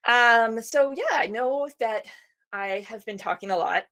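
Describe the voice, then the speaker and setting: A woman with a slightly high, pushed, bright voice presents a homeschooling webinar a little slowly, chatty and reassuring, with lots of fillers. It's informal instructional talk, and her voice is starting to go.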